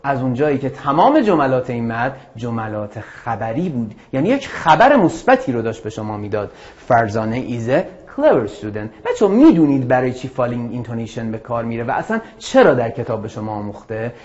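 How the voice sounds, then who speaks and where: A male teacher walks students through a lesson, his voice rising and falling in a lively, animated way. The audio is muffled and lo-fi, like an older classroom video. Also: medium pitch, few pauses. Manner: lively, explanatory, addresses students directly. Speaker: English teacher. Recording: dull lo-fi audio.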